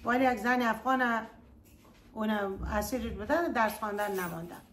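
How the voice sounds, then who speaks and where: A woman's voice: a little high, a little hiss or hum. A woman with an Afghan Dari accent, telling a story to her online viewers and pleading with them to look after themselves. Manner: pleading, addresses listeners fondly. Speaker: YouTube storyteller giving advice. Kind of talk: earnest advice monologue to viewers.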